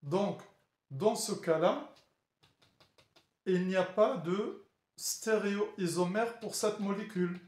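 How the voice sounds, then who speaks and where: Slow, halting man lecturing in an echoey room. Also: high-pitched, a little mellow. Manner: halting, with many fillers and restarts, checking in with the class. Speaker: chemistry teacher. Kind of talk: classroom lecture at a board.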